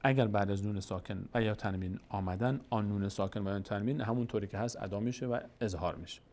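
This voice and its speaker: A man's voice: fairly low pitch, a little mellow. A man with a Tajik accent teaching Quran reading rules step by step, patient and explanatory, sounding out syllables and repeating key points. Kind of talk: step-by-step tutorial.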